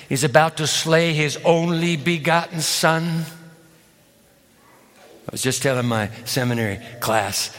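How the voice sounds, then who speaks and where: An older man preaching a sermon, moving between loud emphatic phrases and hushed, whispered pleas. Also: a little high, long reverb tail. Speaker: pastor.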